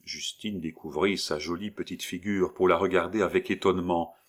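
A man reading a classic novel aloud in a measured storytelling manner. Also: low-pitched, fairly even intonation. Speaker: audiobook narrator. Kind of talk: scripted literary narration.

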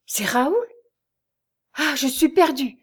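Une femme qui lit un livre audio et joue une jeune prisonnière effrayée et suppliante. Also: female voice, a little high, lively intonation, brisk, a little mellow, pitched above the performer's own voice, lightly acted. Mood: terrified. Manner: frightened, pleading, breathless cries. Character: terrified young woman prisoner. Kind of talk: audiobook reading of a serial novel.

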